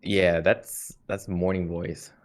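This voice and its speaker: A man with a deep morning voice, joking crudely in casual chat on a video call. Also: level tone, takes it slowly. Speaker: podcast guest.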